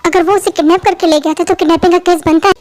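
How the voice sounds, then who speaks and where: A woman's voice: very high voice, steady tone, quick pace, darkish tone. A woman voicing a stern, angry father who speaks harshly in a fan-made audio drama dub. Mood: bitter. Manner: harsh, cold, scolding.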